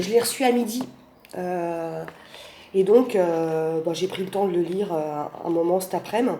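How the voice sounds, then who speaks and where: A woman's voice: mid-range voice, warm tone. A woman with a Portuguese accent speaking French, gushing over oracle cards in a casual vlog, full of fillers and restarts. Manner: effusive, many fillers and restarts. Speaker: oracle card reviewer. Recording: roomy home recording with faint background noise.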